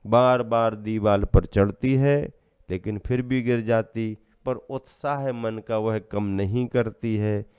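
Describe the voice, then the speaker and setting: A man giving a sermon as a Jain monk, preaching slowly and measuredly, asking rhetorical questions and answering them himself. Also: lowish voice, fairly even intonation, darkish tone, smooth, no echo, dull audio.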